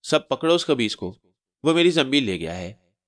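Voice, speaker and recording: A man voicing a skinny, panicky male trickster who shouts in flustered bursts. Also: mid-range voice, sing-song, normal speed, no room sound, studio quality, pitched above the performer's own voice, lightly acted.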